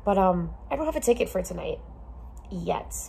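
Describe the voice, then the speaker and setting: A young woman talks casually to her viewers in a drowsy morning voice. She rambles and repeats herself as her excitement bubbles up. There is a faint hiss behind her. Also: medium pitch, moderate pace, creaky. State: sleepy morning voice. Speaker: concert vlogger. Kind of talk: casual vlog chat.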